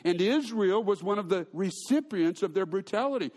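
A man's voice: high-pitched, lively intonation, moderate pace, a little mellow. A man preaching a sermon, telling stories with humor and often restarting his sentences. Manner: storytelling with humor and frequent restarts. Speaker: pastor.

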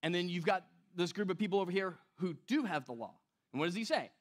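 A man's voice: high voice, animated, fast. A middle-aged man preaching a conversational teaching sermon, with a slight whistle on his s sounds, breaking off and putting questions to his listeners. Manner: self-interrupting, rhetorical questions, talks directly to listeners. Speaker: pastor preaching to a congregation.

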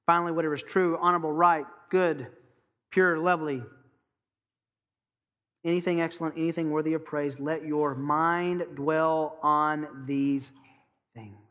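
A pastor preaching a sermon, stressing key phrases and asking the congregation pointed rhetorical questions. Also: male voice, a little high, steady tone, unhurried, pauses often, muffled recording.

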